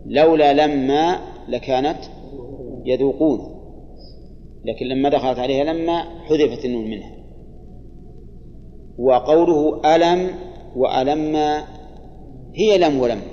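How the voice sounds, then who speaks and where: A man teaching a grammar lesson to a class, reciting examples slowly and quizzing his students. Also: medium pitch, dark tone, slight background noise. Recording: dull lo-fi recording in a long-reverb hall.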